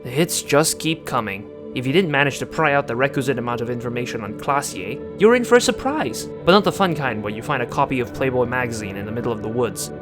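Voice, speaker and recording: A man's voice: medium pitch, fast, few pauses, over music. A man hosting a video essay in scripted commentary, sarcastic and joking.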